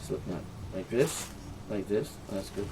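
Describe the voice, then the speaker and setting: A man's voice: fairly low pitch, animated, moderate pace, background noise. A man, a rabbi, teaching an informal halacha class, explaining and demonstrating knots step by step, checking with "right?" and mixing in Hebrew and Yiddish terms. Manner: demonstrates knots with his hands while talking.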